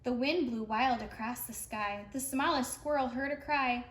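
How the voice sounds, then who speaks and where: Reading aloud to preschoolers, a storyteller brings a rhyming picture book to life expressively in a fairly high voice at a moderate pace. The recording sounds roomy, with faint background noise.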